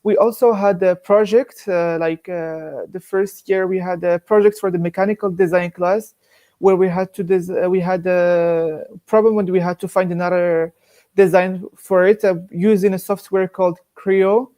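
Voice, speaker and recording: A man's voice: high-pitched, fairly even intonation, normal speed, dark tone. A young man from Morocco, an engineering student answering interview questions hesitantly, with many fillers.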